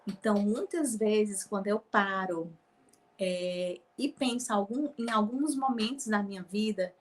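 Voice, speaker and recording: A woman's voice: medium pitch, unhurried. A woman telling a personal faith testimony as a guest, acting out past conversations and often near tears. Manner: storytelling, acting out dialogue, frequent "né?" tags.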